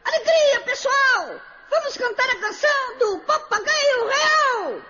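A woman's voice: very high-pitched, expressive, slow, dull audio, heavy background noise, exaggerated voice. A woman voicing a lonely young male parrot in a children's musical story, talking in an eager, sing-song way. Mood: overjoyed.

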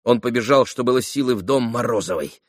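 A man narrating a classic novel as an audiobook, reading in an expressive, dramatic way. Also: medium pitch, fairly quick, breathy edge, dry recording, clean studio sound. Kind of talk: scripted narration.

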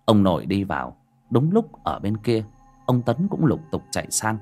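A man narrating a village ghost story in a dramatic, expressive manner. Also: on the low side, normal speed, soft background music.

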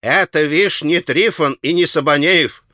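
A man's voice: on the high side, a little slow, sharp tone, dry recording, studio quality, pitched above the performer's own voice. A man doing an earnest market woman. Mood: serious. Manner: earnest, insistent. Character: serious older market woman, matter-of-fact.

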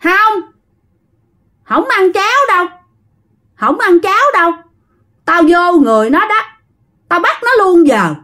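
Woman doing a shrill shouting male water ghost. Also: lively intonation, measured pace, long pauses, heavily acted. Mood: menacing. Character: vengeful male water ghost possessing a man.

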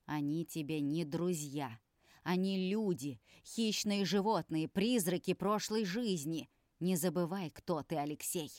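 A woman's voice: fairly low pitch, a little slow, a little mellow, no echo, studio quality, natural voice. A woman voicing a stern, domineering male vampire elder who lectures and commands in a cold tone, in an audiobook.

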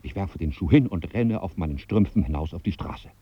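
A man's voice: expressive, brisk, slightly rough, dry recording, muffled recording. An actor playing a self-conscious man who narrates his unease with his own body, in a radio drama. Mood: brooding. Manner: brooding inner monologue, bursts into shrill rage. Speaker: first-person narrator of a radio play.

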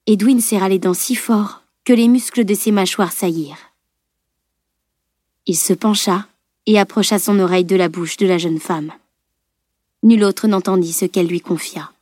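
A woman reading a fantasy novel aloud as an audiobook narrator, steady and expressive. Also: mid-range voice, no echo, clean studio sound.

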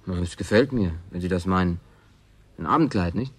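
An actor playing a reserved, skeptical man in a radio drama, with terse, blunt delivery and a husky voice. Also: low-pitched, expressive, brisk, no room sound. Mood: guarded, skeptical. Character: reserved, laconic man, skeptical reluctant guest. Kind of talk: German radio drama acting.

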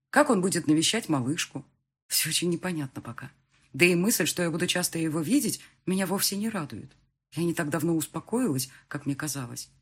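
Woman narrator for a first-person audiobook; husky, quiet, reflective. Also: deep voice.

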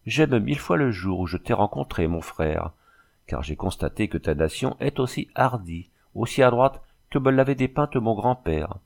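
Brief: male narrator doing a proud, reverent native warrior, grave and formal, gravelly low tone. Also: expressive, moderate pace. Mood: solemn.

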